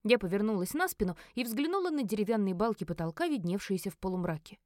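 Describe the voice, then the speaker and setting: A woman narrating a first-person fantasy novel as an audiobook, with an expressive, emotional delivery. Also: mid-range voice, quick pace, dry recording, clean studio sound.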